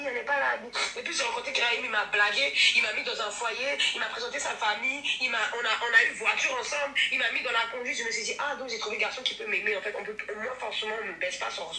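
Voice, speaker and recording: A woman's voice: a little high, bright, forceful tone. A woman telling her story on a live stream, rambling and repeating herself, with laughs between her lines. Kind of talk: emotional live stream confession. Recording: echoey, from a distance, faint noise.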